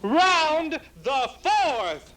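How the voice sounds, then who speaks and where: A man's voice: very high-pitched, big pitch swings, drawn-out words, sharp tone, a little hiss or hum, rough recording. A man giving theatrical scripted narration of a story.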